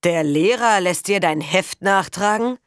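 A woman reading a stern, commanding rural father who scolds and scorns, in a loud, raised voice. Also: fairly high pitch, a little fast, no room sound, clean studio sound, close to an everyday voice. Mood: stern scolding.

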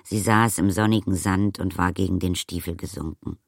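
Deep-voiced man reading a storybook. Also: steady tone, moderate pace, no room sound, studio quality. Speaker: audiobook narrator. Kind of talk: scripted storybook narration.

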